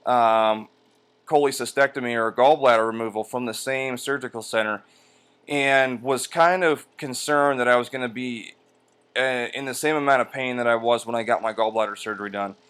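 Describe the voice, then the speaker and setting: A man talking casually in a personal vlog, halting with drawn-out hesitations, sore and medicated as he rests after surgery. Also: medium pitch, fairly bright tone, smooth. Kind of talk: casual personal vlog, recounting his experience. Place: indoors at home on a couch by a window.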